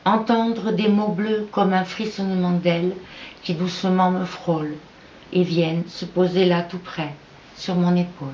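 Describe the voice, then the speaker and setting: A woman reading her own poetry aloud in an unhurried, measured recitation with pauses between verses. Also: fairly low pitch, steady tone, darkish tone, slight background noise. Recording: echoey, dull lo-fi room recording.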